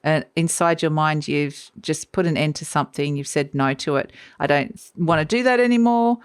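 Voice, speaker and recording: A woman's voice: deep voice, clean tone. A woman giving an unscripted, mystical horoscope tarot reading, musing conversationally as she explains and rephrases each idea. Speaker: tarot card reader.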